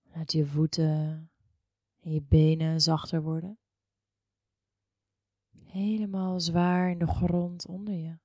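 Slow, hushed woman guiding relaxation. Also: deep voice, level tone, no room sound, clean studio sound. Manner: slow, soothing, with long pauses. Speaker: yoga and meditation guide. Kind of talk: guided relaxation meditation.

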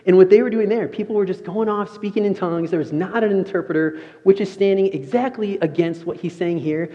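A young man preaching a sermon as a pastor, telling an animated story. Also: sits high, brisk. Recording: muffled sound, long reverb of a large room.

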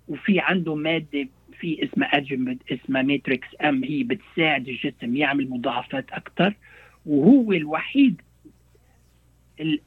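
A man with a Lebanese Arabic accent explaining as a doctor in a radio interview, halting and repeating words, dropping in English terms. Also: on the high side, husky, no room sound. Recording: thin phone-like radio line.

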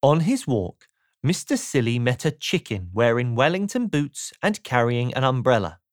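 A man's voice: medium pitch, very animated, normal speed, no echo, studio quality. A man narrating a children's storybook as an audiobook, in a playful way that invites the listener in. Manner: playful, asks the listener rhetorical questions.

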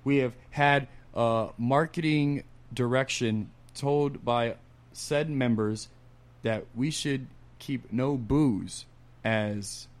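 A man's voice: medium pitch, slow pace. A man hosting a casual roundtable podcast, introducing his co-hosts with slangy hype nicknames. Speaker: podcast host.

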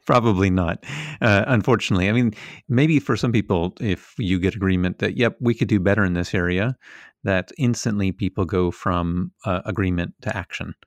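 A man co-hosting a casual podcast chat, thoughtful and quick to laugh. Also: low voice, no echo. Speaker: podcast co-host.

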